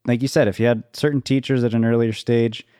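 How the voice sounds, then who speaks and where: A man in reflective, casual conversation, thinking aloud in a halting way and circling back to rephrase. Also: medium pitch, fairly even intonation, dark tone, clear, resonant tone, no room sound, studio quality.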